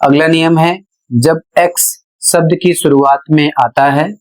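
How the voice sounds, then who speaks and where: A man's voice: a little high, steady tone, measured pace, low-quality recording. A man giving a pronunciation lesson, spelling out words letter by letter and explaining each one. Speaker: English teacher.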